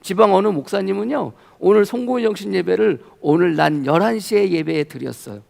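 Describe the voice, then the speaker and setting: A middle-aged male pastor giving a sermon, telling a story and growing animated as he retells it. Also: high-pitched, brisk, vocal fry. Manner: storytelling, grows animated and loud when retelling.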